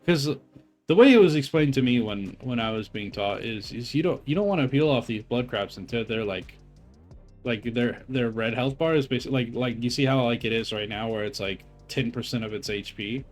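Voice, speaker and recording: A man's voice: mid-range voice, brisk, soft background music. Rambling, cursing young male gamer. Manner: rambling, profane, heavy on filler words and self-corrections. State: phlegmy, clearing his throat while eating. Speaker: gamer reviewing his own raid footage. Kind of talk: casual gameplay commentary.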